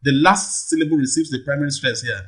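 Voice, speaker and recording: A man with a Nigerian English accent teaching an exam-prep lesson, slowly repeating words and checking in with "okay" and "all right". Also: fairly high pitch, a bit bright, husky. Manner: slow, drawn-out repetition of words, frequent "okay" checks. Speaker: English tutor.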